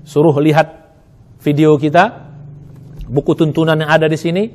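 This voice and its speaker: A man's voice: a little high, steady tone, normal speed, a little mellow. A middle-aged man, an Islamic preacher giving a lesson on prayer, reciting Arabic lines and explaining them with rising emphasis.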